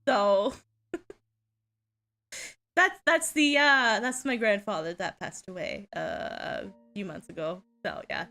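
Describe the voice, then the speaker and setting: A woman's voice: mid-range voice, big pitch swings, slow pace, creaky, long pauses, sharp tone. A young woman chatting casually on her stream, giggling and laughing often between sentences. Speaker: VTuber streamer.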